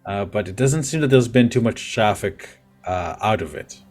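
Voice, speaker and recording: Low-voiced male game master, halting delivery. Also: animated, darkish tone, soft background music. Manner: halting, descriptive. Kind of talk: improvised tabletop game narration.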